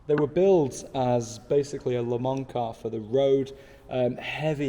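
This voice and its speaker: Sitting at his desk, a man from the United Kingdom in his thirties who hosts a car channel chats to camera with enthusiasm, rambling into asides. A small pocket camera captures his dark, medium-pitched voice and its big-room sound.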